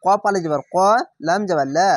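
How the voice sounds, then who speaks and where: A man teaching Quran reading, spelling out each word letter by letter and then reciting it slowly and drawn out. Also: a little high, dry recording, clean studio sound. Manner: slow drawn-out chanted recitation between plain explanations.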